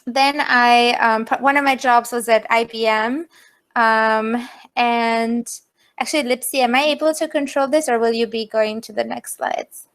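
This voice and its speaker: A woman's voice: fairly high pitch, steady tone, unhurried, a bit bright. A woman in her thirties with an Albanian accent, giving an informal career presentation to students over a video call as a guest speaker.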